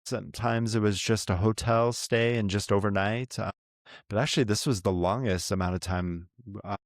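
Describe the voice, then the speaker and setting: A man with a fairly low voice speaks in an easygoing, thoughtful way as co-host of a travel vlog. He explains things at length in casual chat, and the recording is dry and close. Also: fairly even intonation, moderate pace, dry recording.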